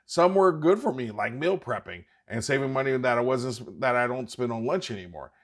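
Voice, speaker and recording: A man's voice: medium pitch, lively intonation, a little fast. A man hosting an investing channel, talking straight to his viewers in an emphatic, urging way and repeating points for stress. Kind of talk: scripted direct-to-camera commentary.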